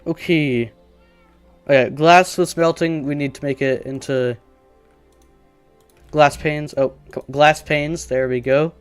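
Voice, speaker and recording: A man's voice: a little high, steady tone, takes it slowly, pauses often, clear, resonant tone, no room sound, faint music behind. A man streaming a survival game, casually thinking aloud and joking at his own expense while he plays. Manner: rambling, self-deprecating, thinking aloud.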